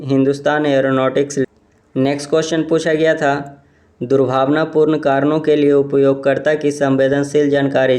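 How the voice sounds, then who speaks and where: A man reading exam questions aloud and explaining each answer in a steady, repetitive way. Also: mid-range voice. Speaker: exam quiz presenter.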